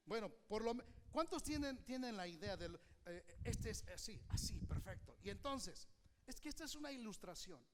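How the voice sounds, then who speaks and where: A pastor with a strikingly high voice delivers a lively sermon. He calls on the congregation to repeat key phrases after him. He also uses a prop and a volunteer as live illustrations. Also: moderate pace, slight background noise. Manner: animated, has the congregation repeat phrases back.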